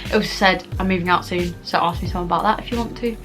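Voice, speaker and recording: A woman's voice: fairly low pitch, quick pace, music in the background. A young adult woman with a southern English accent chats casually in a rambling, informal mukbang vlog. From England, Kent. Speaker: vlogger answering viewer questions.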